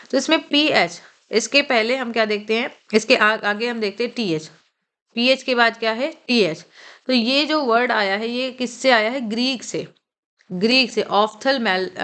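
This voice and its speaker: A woman teaching English vocabulary for competitive exams, who explains slowly, spells words out letter by letter and keeps checking with "ठीक है?". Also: fairly high pitch, fairly bright tone. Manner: mixes Hindi with slow, careful English phrases. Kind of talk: exam-prep vocabulary lesson.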